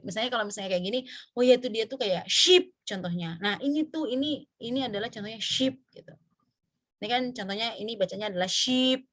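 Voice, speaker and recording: A woman's voice: a little high, fairly bright tone. Woman, Indonesian accent, English teacher, mixed-language lesson, stretched example words, frequent fillers. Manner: slow, drawn-out example words with many fillers. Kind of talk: online class lesson mixing Indonesian and English.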